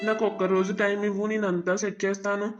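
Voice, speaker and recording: A man's voice: sits high, level tone, quick pace, muffled recording, faint music behind, natural voice. A man voicing an anxious young elder son in a cartoon family drama, pleading and reassuring. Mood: urgent.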